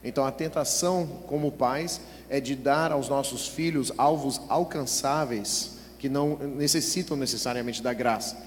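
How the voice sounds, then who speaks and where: A man interprets a preacher live, speaking quickly and fluently with the odd restart. His voice is mid-pitched, and the church hall gives it a long echo over faint background noise. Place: large church.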